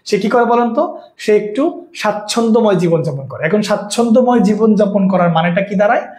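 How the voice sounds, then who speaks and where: A male teacher from Bangladesh, running an online grammar lesson. He talks quickly in a high voice and keeps repeating his questions to coax answers from his students. The recording has a roomy echo. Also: darkish tone.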